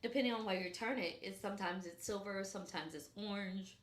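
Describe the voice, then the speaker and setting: A woman with a Southern Memphis, Tennessee accent co-hosts a podcast, chatting playfully and casually with plenty of "like" and "um." Her medium-pitched voice moves a little fast in a reverberant space.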